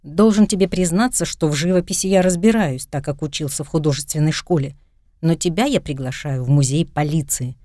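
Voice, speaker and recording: A woman's voice: low voice, fairly quick, dark tone, dry recording, studio quality, close to an everyday voice. A woman voicing a confident, playful young male New York cop in an audiobook. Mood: teasing. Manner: playful, self-assured.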